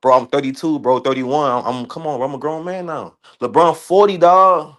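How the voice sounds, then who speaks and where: A man in his thirties arguing basketball in a casual, animated way, full of slang and repeated words. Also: a little high, normal speed. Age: 30s. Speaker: guest debating basketball. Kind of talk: casual heated sports debate.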